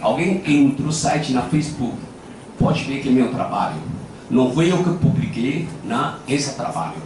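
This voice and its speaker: The older lecturer's medium-pitched voice has a lively intonation, a moderate pace and a slightly mellow quality. In Japanese-accented Portuguese, he delivers an informal acupuncture talk through a handheld mic to an audience in a large hall, telling anecdotes with playful self-mockery. A distant camera records the echoing room and its background noise.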